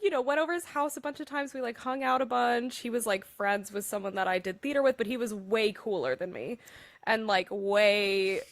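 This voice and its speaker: A bubbly woman co-host chats and tells a self-deprecating story, laughing often as she goes. Her voice sits a little higher than most women's, and the sound is close and dry. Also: normal speed, dry recording. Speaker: podcast co-host. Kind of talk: casual chat and personal storytelling.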